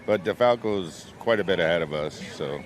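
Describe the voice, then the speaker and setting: A crewman giving halting, understated answers in an informal outdoor interview. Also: low voice, a crowd in the background. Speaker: race team crew member being interviewed. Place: outdoors in the wind with race crews.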